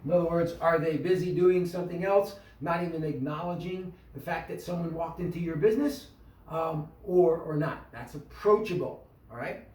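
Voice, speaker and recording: A man giving an instructional talk to a small business group, animated and full of questions, acting out tones of voice. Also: a little high, moderate pace, recorded from a distance. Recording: echoey room, voice from off the mic.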